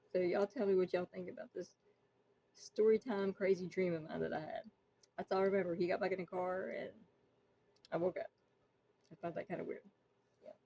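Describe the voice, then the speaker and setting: A woman's voice: lowish voice, mellow, a little hiss or hum, rough recording. A woman telling a casual storytime, rambling and acting out the quoted dialogue. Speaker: vlogger. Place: indoors, just woken up.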